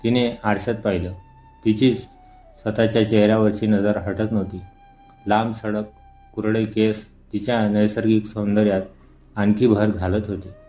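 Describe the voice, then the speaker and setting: Low, flat-voiced male storyteller. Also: normal speed. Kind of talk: scripted narration. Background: soft music.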